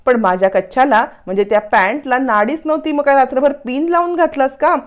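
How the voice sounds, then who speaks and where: A grumpy middle-aged uncle, quick to shout and grumble, read out by a woman retelling a TV serial. The voice sits on the high side. It is not much of a put-on, just exasperated scolding. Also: lightly acted. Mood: agitated.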